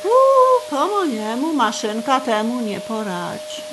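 An actress playing a fed-up cleaning lady in an audio drama. She scolds bluntly and colloquially in a fairly high, lively, swooping voice, with noise behind her. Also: takes it slowly, full character voice. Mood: grumbling.

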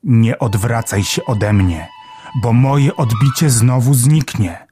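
A man voicing a gruff old male stick insect in a children's storybook reading, speaking in a low, grumbly mumble. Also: slow, over loud music, natural voice. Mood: subdued.

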